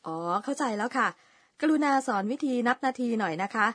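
A woman's voice: a little high, animated, brisk, a bit bright, husky. A woman co-hosting a radio language lesson, asking polite, curious questions. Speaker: co-host learner.

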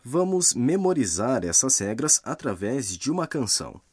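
A man narrating a scripted language lesson, explaining grammar rules slowly and carefully. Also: mid-range voice, very animated, noisy background.

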